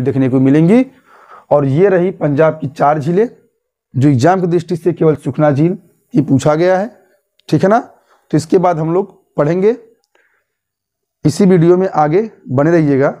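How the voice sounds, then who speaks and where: Man, exam-prep teacher, young, mellow tone, higher pitch, repeats and quizzes. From Uttar Pradesh, India. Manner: repetitive, quizzing listeners with tag questions.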